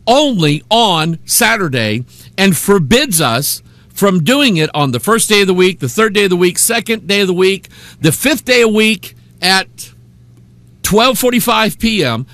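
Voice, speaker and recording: A man's voice: sits high, a bit bright, dry recording. A middle-aged man preaching on a live webcast, a pastor who retells arguments with rising, emphatic passion.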